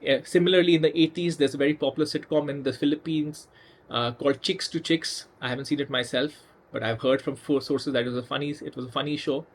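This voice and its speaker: A man's voice: a little high, steady tone, fast, a little hiss or hum. A man hosting a casual storytelling video, talking conversationally with restarts and emphatic asides. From India. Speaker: music channel host.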